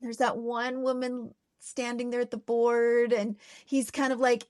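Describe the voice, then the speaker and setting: Laughing, animated woman podcast co-host. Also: on the high side, measured pace, no echo, clean studio sound. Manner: animated and laughing, acts out quotes. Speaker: podcast co-host, former teacher. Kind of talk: casual chat.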